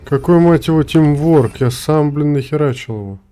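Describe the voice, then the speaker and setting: A man streaming a video game, commenting casually in a loud, exasperated way with frequent swearing. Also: fairly high pitch, fairly quick, faint music behind.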